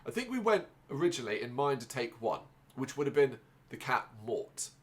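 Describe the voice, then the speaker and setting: A man's voice: mid-range voice, sing-song. Rambling man in a personal monologue. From Ireland. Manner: rambling, halting, with many restarts and fillers. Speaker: podcast host.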